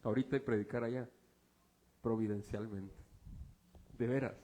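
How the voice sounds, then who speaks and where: A man preaching a sermon in church, swinging from loud exclamations to hushed low passages. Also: fairly even intonation, moderate pace. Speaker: pastor.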